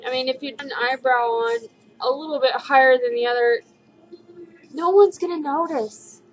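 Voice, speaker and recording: A woman's voice: sits high, normal speed, faint music behind, low-quality recording. A young woman rambling in a giggly, drunk manner as she casually talks through a makeup tutorial on a home webcam. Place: living room at home, indoors. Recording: webcam audio with background noise.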